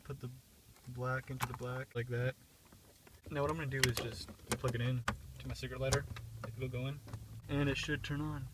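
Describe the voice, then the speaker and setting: Recorded in and around a car, with clear car noise and handling clicks, a male do-it-yourself presenter gives informal, offhand, hands-on instructions. His medium-pitched voice is flat and brisk, broken by long pauses.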